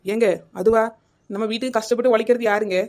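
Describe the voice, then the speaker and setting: A woman playing a sharp-tongued young wife who sides with her neighbor and defies her husband in a comic skit. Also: on the high side, steady tone, lightly acted. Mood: defiant. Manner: teasing, rapid, defiant. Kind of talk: comic village skit acting.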